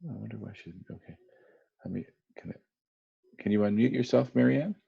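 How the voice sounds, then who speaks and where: A man's voice: lowish voice, a little fast, creaky, husky, lo-fi sound. A man emceeing a virtual dinner over a video call, chatty, calling on guests by name. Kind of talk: casual virtual meeting hosting.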